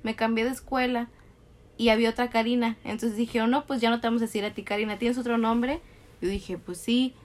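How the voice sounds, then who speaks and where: Rambling woman, fairly high voice. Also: steady tone, brisk. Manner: rambling storyteller, frequent self-corrections. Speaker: podcast co-host. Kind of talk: casual chat.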